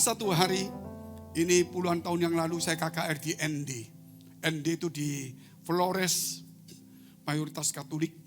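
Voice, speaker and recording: A male pastor preaching a sermon, telling a personal story, who swings between loud exclamations and soft, hushed asides and keeps addressing his listeners as brothers and sisters. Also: fairly high pitch. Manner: storytelling, addresses congregation as saudara. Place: church service, online broadcast. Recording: music playing behind the voice.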